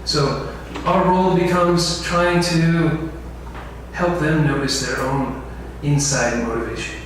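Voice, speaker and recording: Speaking slowly in a slightly high voice with fairly even intonation, a male instructor gives an info session lecture and regularly puts questions to the room. The large lecture hall is very echoey, and the far-off mic adds faint noise.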